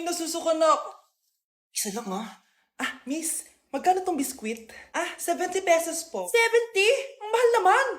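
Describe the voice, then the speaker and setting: A woman's voice: extremely high pitch, a bit bright, reverberant. A woman playing every part in short comedy skits, switching between a mother and her children. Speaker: comedy skit creator playing all parts. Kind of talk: comedic skit acting, many roles.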